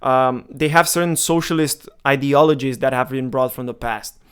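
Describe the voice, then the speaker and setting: A man's voice: mid-range voice, normal speed, a bit bright, clean tone. A man in his twenties from Romania, talking candidly and emphatically to the viewer in a casual monologue. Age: 20s. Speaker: marketing vlogger. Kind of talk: casual direct-to-camera monologue.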